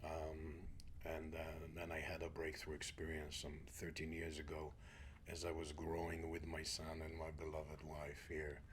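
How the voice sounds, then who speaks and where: A man's voice: rumbling low, monotone, a little slow, slight background noise. A middle-aged man from Israel, guest on an interview show, speaking reflectively and often sinking to a near-whisper. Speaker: guest, spiritual teacher.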